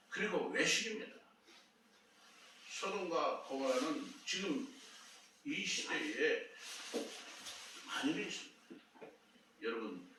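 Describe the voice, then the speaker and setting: A man preaching a sermon as a pastor, telling the story with lively acted-out dialogue. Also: mid-range voice. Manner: animated storytelling, acting out dialogue. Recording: echoey room, from far off, faint noise.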